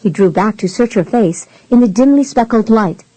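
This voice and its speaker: Woman narrator for a romance audiobook: mellow, measured, close and dry. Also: on the high side, no room sound, rough recording.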